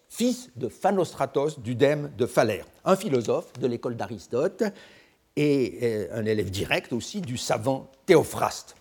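Older male lecturer, mellow husky voice, lively intonation, halting formal delivery. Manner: measured, lively pitch with frequent hesitations. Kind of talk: academic history lecture.

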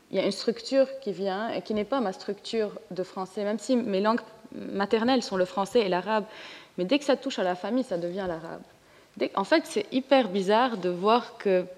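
A woman with a Lebanese French accent talks candidly and with lively ease on a panel. Her voice sits at a middle pitch. The hall gives it a long reverb. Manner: candid, lively, laughs easily, mixes in English words. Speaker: comics artist on a panel. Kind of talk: panel discussion.

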